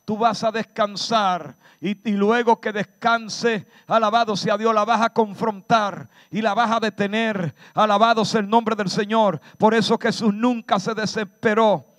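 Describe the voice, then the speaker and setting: Man, pastor, high voice, fervent sermon, shouted peaks, dry close sound. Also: fairly even intonation, no room sound. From Dominican Republic. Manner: preaching with sudden shouted peaks and dramatic slowing.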